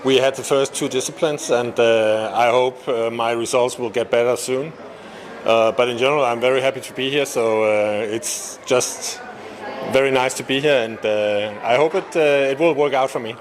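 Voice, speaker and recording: A man, a competitor, answering interview questions in a relaxed, halting way with many fillers. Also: medium pitch. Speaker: competition participant. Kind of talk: on-the-spot interview. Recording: crowd at an event.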